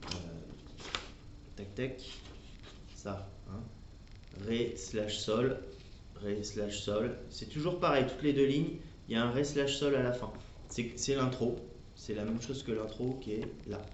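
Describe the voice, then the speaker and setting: A man's voice: medium pitch, background noise. Man teaching guitar in a roomy space. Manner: patient, explains slowly, chatty fillers. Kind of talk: step-by-step guitar lesson. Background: his own acoustic guitar playing.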